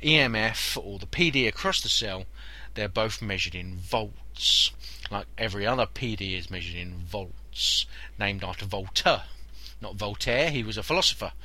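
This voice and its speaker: Bright-voiced man teaching physics informally. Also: lowish voice, lively intonation, moderate pace. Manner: conversational, repeating key points for emphasis. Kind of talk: informal lesson talk. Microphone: body-worn mic near the shirt.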